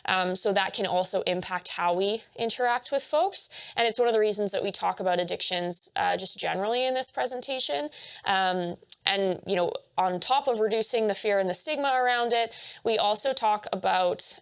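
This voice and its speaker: A young woman giving a training presentation, talking fast with many fillers and restarts. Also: mid-range voice, smooth.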